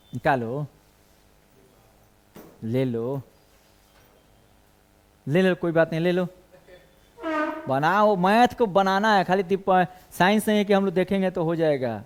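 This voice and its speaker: A man's voice: high-pitched, expressive, slow, pauses often. A man teaching a math class, working through equations step by step and putting questions to his students. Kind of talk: classroom lecture.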